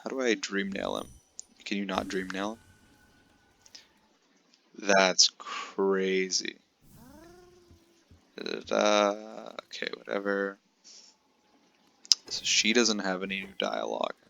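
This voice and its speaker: A young man giving casual, chatty let's-play commentary, excitable and talking straight to his viewers. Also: low voice, takes it slowly, creaky, pauses often. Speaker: gaming commentator.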